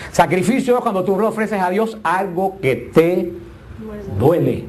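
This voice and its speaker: A man's voice: high voice, animated, unhurried, darkish tone. A middle-aged man preaching a sermon with emphatic, swinging delivery and joking asides.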